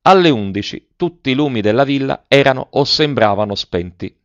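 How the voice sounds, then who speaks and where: A man reading a classic novel aloud in measured, tender storytelling narration. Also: medium pitch, lively intonation, no room sound, highs cut off. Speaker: audiobook narrator. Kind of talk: literary audiobook narration.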